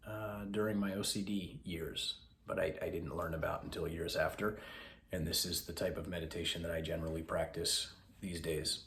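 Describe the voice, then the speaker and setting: A man who teaches mindfulness, talking slowly and calmly with long pauses as he guides a meditation. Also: low voice, echoey room, a little hiss or hum. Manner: slow, calm, pausing instructions. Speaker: mindfulness instructor.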